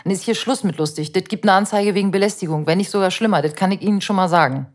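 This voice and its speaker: A young policewoman talks fast and firmly, laying down the law in a no-nonsense tone, as a woman narrator puts her on. Her voice is a touch raised and breathy. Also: medium pitch, natural voice. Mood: stern. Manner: firm, pragmatic, scolding.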